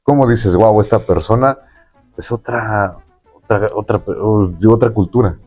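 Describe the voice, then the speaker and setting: This podcast host, a man with a Mexican accent, has a fairly low, mellow voice and a measured pace. He interviews his guest in a rambling, conversational manner, often using tag questions to check in, while soft music plays underneath.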